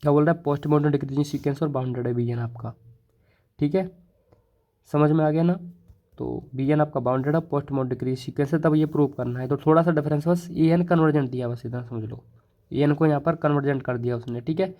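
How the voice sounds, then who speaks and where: A male math teacher with a North Indian accent explains a proof to his students, chatty and repetitive, with frequent fillers. His voice sits a little high for a man. The recording sounds dull and lo-fi. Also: steady tone, moderate pace. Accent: Hindi-English code-mixing, North Indian. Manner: chatty, repeats "thoda sa" and "theek hai", many fillers and restarts. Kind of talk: casual board lecture. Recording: dull, lo-fi mic.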